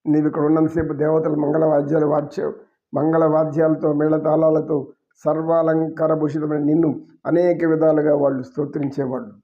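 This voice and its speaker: A man's voice: fairly high pitch, little pitch movement, normal speed. A man giving a devotional story discourse, retelling it in an emotive, dramatic, pleading way. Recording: dull lo-fi recording.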